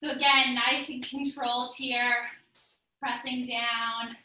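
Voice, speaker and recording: A young adult woman leading a guided workout class, giving steady counting cues while she exercises. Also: on the high side, takes it slowly. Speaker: fitness instructor. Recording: roomy sound, distant from the mic.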